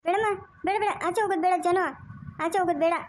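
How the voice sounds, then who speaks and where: A woman's voice: very high-pitched, fairly even intonation, rapid-fire, a little hiss or hum. A woman with a Chikkaballapur Kannada accent, acting as a rural woman in a family drama, scolding and pleading with emotion.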